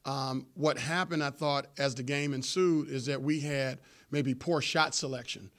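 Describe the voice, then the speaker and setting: A man in his forties, a head coach answering postgame press questions in a measured, explanatory way with frequent fillers, seated at a table microphone in a press room. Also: medium pitch, steady tone, fairly bright tone. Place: press room before a sponsor backdrop. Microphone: table microphone in front of him.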